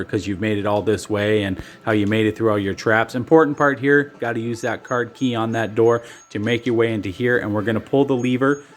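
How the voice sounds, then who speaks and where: A man's voice: medium pitch, a little hiss or hum. A man casually talking through a video game walkthrough in a chatty way, with restarts and slang. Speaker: gameplay walkthrough narrator.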